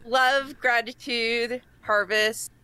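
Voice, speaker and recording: Woman cohost, Massachusetts accent, chatty and quick to laugh. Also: fairly high pitch, steady tone, pushed and bright, clean tone, no echo. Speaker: podcast cohost. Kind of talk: casual chat, explaining a pagan festival.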